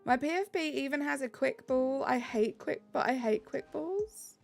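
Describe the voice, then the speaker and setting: During a casual game stream backed by light music, this British woman bubbly reads her viewers' messages aloud. Her voice sits high and sounds creaky and animated, at a normal speed.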